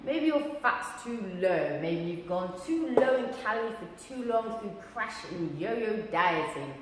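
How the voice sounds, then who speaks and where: A woman's voice: medium pitch, animated, unhurried. A woman giving a casual fitness talk as a coach, bubbly and cheeky, with whoops and asides. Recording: echoey hall with faint noise.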